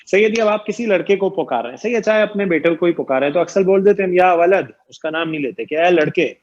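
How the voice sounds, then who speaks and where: Male grammar teacher, patient, repeats points and quizzes students, fairly high voice, dull lo-fi sound. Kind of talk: online grammar lecture.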